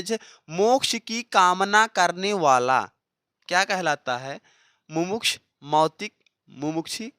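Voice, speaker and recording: An animated teacher whose pitch rises and falls a great deal while walking students through practice questions. They read each option aloud as a question and keep checking in with a quick "okay." The sound is close and dry, with no room around it. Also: no room sound. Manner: repeats key answers slowly for drilling. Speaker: Hindi teacher for exam preparation. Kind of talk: exam-prep lesson solving practice questions.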